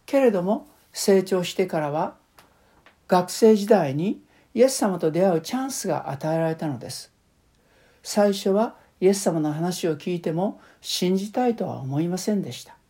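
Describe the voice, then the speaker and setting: A woman giving a calm, measured sermon that mixes scripture reading with a personal testimony. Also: fairly low pitch, breathy edge. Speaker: preacher.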